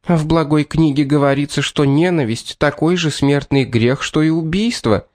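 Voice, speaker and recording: A man voicing a shrill, panicky woman cook who grows indignant easily. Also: moderate pace, close to an everyday voice.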